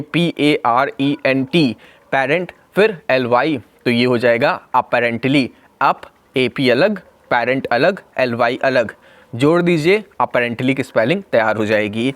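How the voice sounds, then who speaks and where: Man spelling words out slowly. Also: medium pitch, no room sound. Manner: slow, spells words out letter by letter. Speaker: exam prep teacher. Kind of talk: spelling revision lesson.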